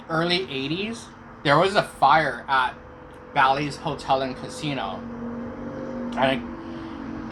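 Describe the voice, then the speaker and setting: A man's voice: a little high, pushed and bright, poor audio. A middle-aged man telling personal stories casually to viewers, chewing while he talks. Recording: clear background noise.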